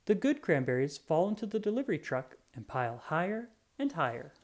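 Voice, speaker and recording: A picture book for children is read aloud in a lively, storytelling style. The pitch is medium and the reading runs a little fast.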